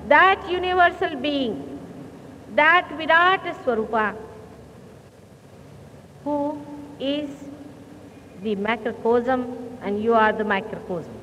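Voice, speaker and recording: Slow, high-voiced woman on an old hall recording. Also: fairly bright tone. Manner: slow, deliberate, clears throat often. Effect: old 1970s hall recording. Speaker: spiritual teacher. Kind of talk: sermon. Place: large hall. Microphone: speaking into a hall microphone. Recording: old muffled hall recording with faint hiss.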